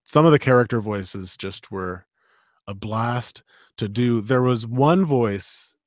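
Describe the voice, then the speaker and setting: At a slow pace and in a mid-range voice, a man in his thirties with a slight Canadian accent reads an action novel with steady drama, then relaxes into chatty, laughing talk about narration as narrator and host. Recorded on a studio condenser mic with headphones in a small home studio with dark drapes, the sound is clean, with no room sound.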